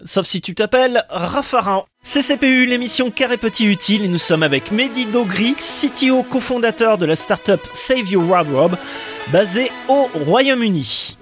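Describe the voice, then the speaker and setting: A man's voice: high-pitched, lively intonation, moderate pace, a bit bright, soft background music. A man hosting an interview, asking questions with wry, joking asides. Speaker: interview host. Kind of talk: conversational interview, witty questions.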